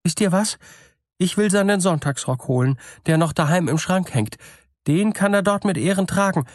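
Man doing a naive, high-voiced peasant widow. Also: animated, moderate pace, no echo, clean studio sound. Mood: earnest. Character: gullible widowed peasant woman on a wagon.

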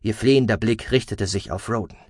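A man narrating an audiobook in a calm, measured way. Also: lowish voice, breathy edge, dry recording, studio quality. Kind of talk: scripted narration.

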